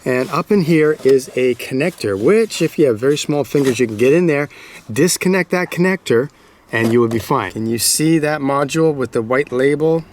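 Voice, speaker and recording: A man's voice: mid-range voice, animated, normal speed. A man hosting a casual car review vlog, chatting enthusiastically to the camera as he works on his car and drives it. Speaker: car channel host. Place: in and around a car, outdoors and driving. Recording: distant camera mic with loud engine and road noise. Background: engine and road noise.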